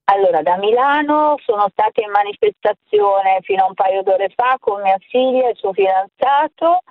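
A woman's voice: mid-range voice, animated, normal speed, no echo, narrow, tinny audio. A middle-aged woman calling in over the phone to a radio show, chatting casually and hesitantly with many fillers. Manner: hesitant, talks around her point with fillers. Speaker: caller. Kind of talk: casual call-in chat.

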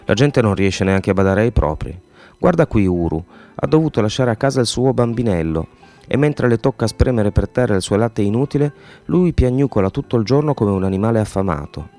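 A man reading a novel aloud, voicing the villagers' dialogue expressively and pausing to explain a word. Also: soft background music. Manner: expressive, voices the villagers' lines with raised pitch. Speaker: audiobook reader.

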